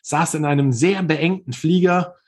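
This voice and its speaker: On the high side and unhurried, this man's voice belongs to an interview guest in his thirties who once played football professionally. Recounting his career, he rambles through long sentences and hesitates often.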